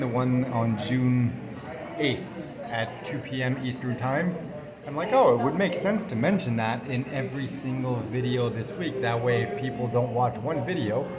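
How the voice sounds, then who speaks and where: Man chatting casually amid indoor background chatter. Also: medium pitch. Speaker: vlogger documenting cancer treatment. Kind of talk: casual chat to camera. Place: indoors, quiet corner of a hospital.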